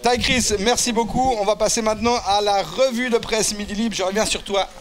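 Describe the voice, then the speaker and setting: A man hosting a casual live talk show, with a notably high voice and a jokey, loose manner. He tosses in quick asides and light swearing. Faint event noise hums behind him. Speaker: host.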